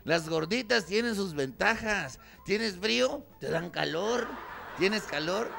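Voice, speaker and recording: A man's voice: sits high, expressive, takes it slowly, gravelly, noisy background. A man with a Mexican accent doing a stand-up comedy routine, acting out both sides of a couple's quarrel.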